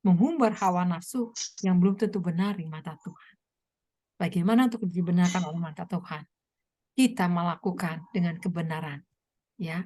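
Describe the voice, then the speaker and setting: A woman evangelist preaching a sermon with a hoarse voice, telling stories and asking the listeners many rhetorical questions. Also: on the low side, normal speed. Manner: animated storytelling, frequent rhetorical questions. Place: online meeting.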